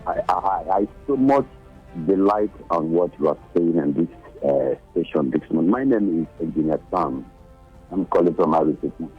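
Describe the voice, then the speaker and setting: Husky deep-voiced radio caller. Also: male voice, lively intonation, soft background music. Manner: hesitant, halting, earnest questioning. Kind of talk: phone-in call. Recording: dull phone line into radio.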